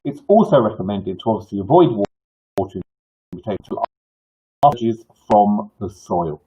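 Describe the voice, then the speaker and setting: An older man hosts an informal live clinic in a husky, toothless voice with soft, slurred consonants. He rambles haltingly, often restarting and repeating himself. The sound is dull and lo-fi. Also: lowish voice, lively intonation. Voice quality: toothless, slightly slurred articulation. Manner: halting, rambling delivery with false starts and repetitions. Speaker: gardening clinic host. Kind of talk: informal live advice, answering viewer questions.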